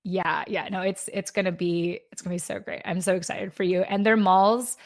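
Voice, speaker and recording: A woman's voice: fairly low pitch, steady tone, moderate pace, no room sound, studio quality. Upbeat chatty woman podcast host. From United States. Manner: upbeat, chatty, lots of restarts and "like". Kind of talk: casual interview chat.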